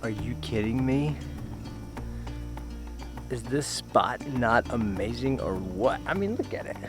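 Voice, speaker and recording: A man's voice: mid-range voice, lively intonation, slow pace, over music. A man, casually hosting an outdoor vlog at a campsite, chatting to the camera and friends. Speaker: vlog host.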